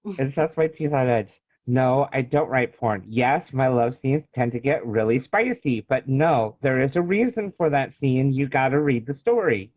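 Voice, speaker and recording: Here a guest author, an American man from the United States, chats casually and tells long stories while being interviewed. His voice sits mid-range and sounds animated at a normal pace. There's no room sound, but the call audio is thin, like a phone.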